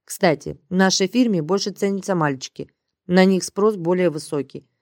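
A woman's voice: lowish voice, moderate pace, darkish tone, dry recording, lightly acted. A woman reading the part of a blunt, crude, bossy male handler in an audiobook, in a dry, close recording. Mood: scolding. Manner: blunt, rude, slangy and bossy. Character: gruff, crude middle-aged male agency handler.

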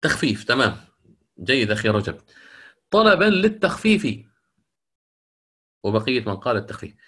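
A man teaching a lecture on Quran recitation. He explains the rules, asks the class questions and answers them himself, and slowly chants verses as examples. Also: fairly low pitch, a bit bright.

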